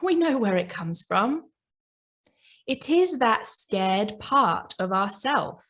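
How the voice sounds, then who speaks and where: A woman hosting a reflective self-help podcast. She talks gently and often checks in with "right?". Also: fairly high pitch, very animated, slow pace. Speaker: podcast host and coach.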